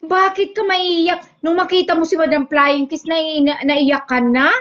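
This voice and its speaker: A woman with a high-pitched, somewhat bright voice hosts a casual livestream at a moderate pace. She chats, teases her guest and reads out viewer comments, all through dull lo-fi stream audio.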